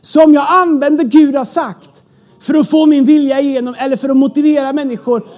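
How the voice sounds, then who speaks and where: A pastor from Sweden preaches to his congregation from the church stage in a strikingly high voice for a man. He is animated, breaking into shouts and tossing in joking asides. He drops English words into his sermon.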